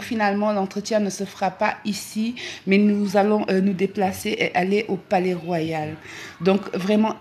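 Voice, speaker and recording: A woman speaks to her followers on a live travel vlog. She talks at a middle pitch and stops often, with a stream of fillers and repeated words. A faint hiss sits behind her. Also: darkish tone. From Senegal. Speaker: travel vlogger.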